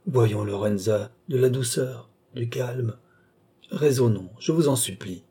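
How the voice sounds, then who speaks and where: A man voicing a mysterious male captor who speaks calmly, sadly and persuasively. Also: medium pitch, takes it slowly, slightly rough. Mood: sorrowful. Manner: calm, sorrowful, persuasive.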